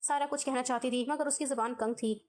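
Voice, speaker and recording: A woman reading a scripted first-person family drama story at a steady, even pace. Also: high-pitched.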